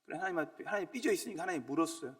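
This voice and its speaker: A man preaching a Sunday sermon as pastor. He asks rhetorical questions and swings from loud emphasis to near-whispers. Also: fairly high pitch, lively intonation, rapid-fire, recorded from a distance. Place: church sanctuary.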